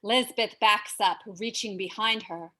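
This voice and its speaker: A woman's voice: medium pitch, measured pace, sharp tone, poor audio. A woman reading out stage directions for an audio drama, matter-of-fact with wry asides. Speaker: narrator.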